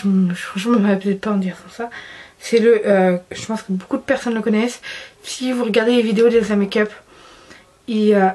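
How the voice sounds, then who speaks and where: A young beauty vlogger with a medium-pitched, slightly mellow voice chats casually about her favorite makeup. She giggles, restarts her sentences often, and pokes fun at herself.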